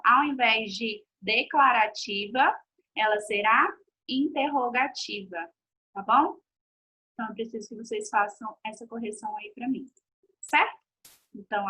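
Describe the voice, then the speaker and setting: A woman's voice: a little high, sharp tone, rough recording. A woman giving a recorded video lesson to pupils, patiently repeating points and checking they follow. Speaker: teacher.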